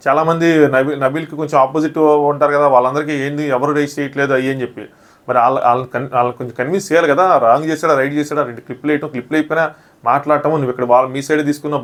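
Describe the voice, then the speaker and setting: A man reviewing a reality show episode in casual, argumentative talk, often acting out what others said. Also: on the high side. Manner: rapid, argumentative, often acts out quoted lines.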